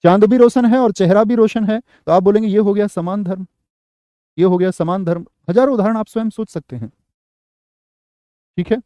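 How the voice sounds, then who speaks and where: A man's voice: high-pitched, moderate pace, pauses often, warm tone, dry recording, clean studio sound. A young man teaching a Hindi grammar class for exam students, quizzing them with repeated questions and calling them brother and friend. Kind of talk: online exam-prep class lecture.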